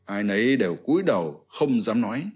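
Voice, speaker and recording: A man's voice: on the low side, big pitch swings, brisk, a little mellow, slightly rough, soft background music. Man narrating a historical audiobook. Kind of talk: scripted narration of a historical novel.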